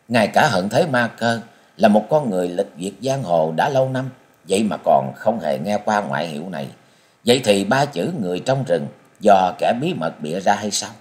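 A man reading a martial-arts novel aloud as an audiobook, in an expressive, dramatic storytelling manner. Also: fairly low pitch. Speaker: audiobook reader.

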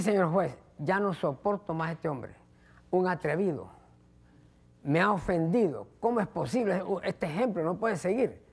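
Indignant wife in court, raised and shrill, as a man does her, gravelly edge. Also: darkish tone, full character voice. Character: indignant wife complaining to a judge.

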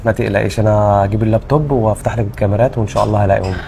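An actor playing a protective, earnest Egyptian husband and brother who speaks with an Egyptian Arabic accent. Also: male voice, fairly low pitch, steady tone, very fast, creaky, dark tone, a little hiss or hum. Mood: reassuring. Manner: reassuring and earnest. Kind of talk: Egyptian web drama acting.

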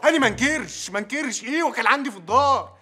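A frantic village peasant, begs and swears he is innocent in a very high, racing Egyptian voice that swoops all over. His talk is bright and pressed. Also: lively intonation, faint music behind, heavily acted. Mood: pleading. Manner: pleading, swearing oaths, rushed. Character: frightened village peasant man pleading innocence.

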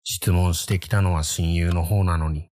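A man narrating a creepy ghost story in the first person, in a measured, brooding manner. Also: low voice, steady tone, darkish tone, no room sound, clean studio sound.

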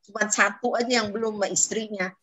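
A woman's voice: mid-range voice, quick pace, breathy edge. A woman guest on a church talk show, chattily telling her testimony. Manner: chatty, animated storytelling.

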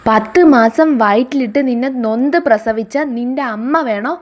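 A bossy middle-aged mother-in-law, put on by a woman in a comedy sketch, scolds in a shrill, domineering voice. She sits a little high. She sounds loud and keeps pushing her point. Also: normal speed, lightly acted. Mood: scolding.

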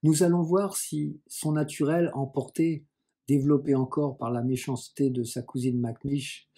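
A man narrating a classic novel as an audiobook, calm and measured. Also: medium pitch, husky.

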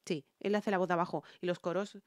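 A woman's voice: on the low side, fairly even intonation, fast talker. Chatty Spanish woman breaking down vocals. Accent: Spain Spanish. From Spain. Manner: chatty, analytical, often checks in with viewers. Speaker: singer reacting to a song. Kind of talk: song reaction and vocal analysis.

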